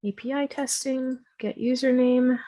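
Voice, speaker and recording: A woman casually walking viewers through a software tutorial on her screen, chatty and self-deprecating, with many fillers. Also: sits high, steady tone, a little slow.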